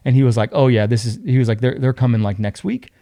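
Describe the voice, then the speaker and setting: Animated man telling a wild story. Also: medium pitch, quick pace, no room sound, studio quality. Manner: animated, acts out other people's lines. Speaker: podcast guest. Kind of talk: casual storytelling.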